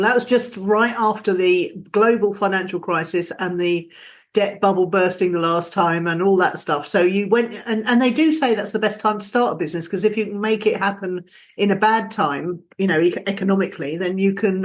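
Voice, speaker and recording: Chatty woman hosting an interview. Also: medium pitch. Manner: warm, chatty questioner. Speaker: podcast host. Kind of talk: casual interview on a call. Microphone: video call.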